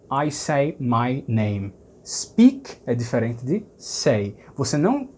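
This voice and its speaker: A man with a Brazilian Portuguese accent teaching a language lesson, explaining patiently and slowing down to say example phrases. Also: medium pitch, dark tone, slightly rough.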